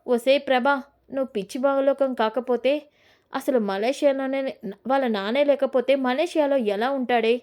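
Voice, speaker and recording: A woman puts on a sharp-tongued mother-in-law from a family drama, high-voiced and quick to anger. She scolds and shouts at the younger women of the house in a storyteller's retelling. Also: steady tone, lightly acted. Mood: angry scolding.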